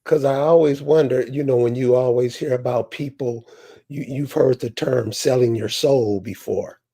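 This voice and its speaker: A man in casual, reflective conversation, speaking haltingly and deliberately and posing rhetorical questions. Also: medium pitch, fairly even intonation, mellow, breathy edge.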